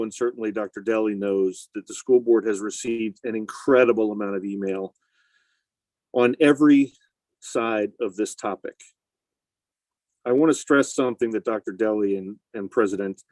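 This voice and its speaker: A man gives public meeting remarks through a face mask, his voice slightly muffled. He speaks in a measured, deliberate way with emphatic phrasing, and the sound is dry with very little room echo. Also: fairly low pitch, darkish tone. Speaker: school board member, substitute teacher. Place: inside a school building.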